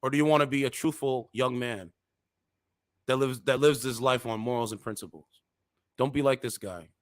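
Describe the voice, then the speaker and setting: A man in his thirties hosting reaction commentary, lecturing in a heated, preachy way with sudden loud outbursts. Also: medium pitch, moderate pace, dry recording, clean studio sound. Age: 30s. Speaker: commentary channel host.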